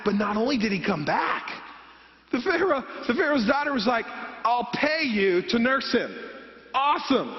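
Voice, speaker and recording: High-voiced pastor in an echoey hall. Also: male voice, muffled recording. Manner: storytelling, acts out voices of himself and his mom. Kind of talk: sermon. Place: church sanctuary.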